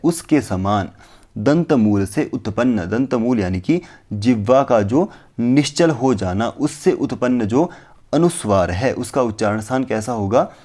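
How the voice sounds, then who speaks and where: A man teaching a lesson, explaining points step by step and asking himself questions before answering. He recites verses slowly and carefully. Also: medium pitch, darkish tone. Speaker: Sanskrit teacher. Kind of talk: explanatory lecture on phonetics.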